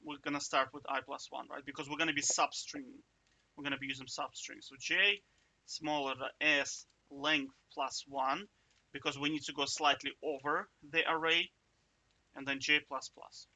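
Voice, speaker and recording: Speaking at a moderate pace, a male coding tutor has a slightly high, steady, sharp voice. He chats his way through the code, thinking out loud, cutting himself off with jokey asides, and frequently checking in with "right?"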